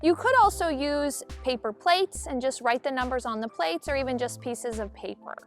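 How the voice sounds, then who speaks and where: Woman, teacher, high voice, upbeat, kids' video lesson, faint music behind. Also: expressive, normal speed. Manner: clear, upbeat, demonstrating as she hops. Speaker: elementary school teacher.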